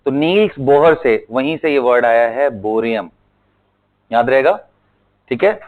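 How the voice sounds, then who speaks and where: A male chemistry teacher leads an online lesson, speaking at a slow, deliberate pace. He drills names again and again for his students, addressing them fondly. The audio is narrow and tinny, like a phone line. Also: mid-range voice, expressive. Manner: mixes Hindi with English terms, calls students beta.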